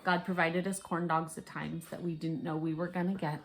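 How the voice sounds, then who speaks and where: A woman with a somewhat low voice talks at home in a relaxed, earnest way. She co-hosts a family channel and chats casually, leaning on fillers like "like" and "um". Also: brisk, a little hiss or hum, low-quality recording. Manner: earnest, chatty, many "like" fillers. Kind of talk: casual chat.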